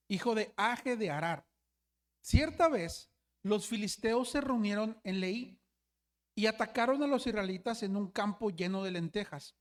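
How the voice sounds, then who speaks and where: Storytelling man preaching a sermon. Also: high voice. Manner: storytelling, often says hermanos, frequent restarts. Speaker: pastor.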